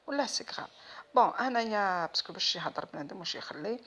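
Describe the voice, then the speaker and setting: A woman's voice: mid-range voice, animated, rapid-fire, bright, forceful tone. A woman with an Algerian Arabic accent, vlogging at home in a frustrated, complaining tone and switching often between Arabic and French. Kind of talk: casual vlog monologue.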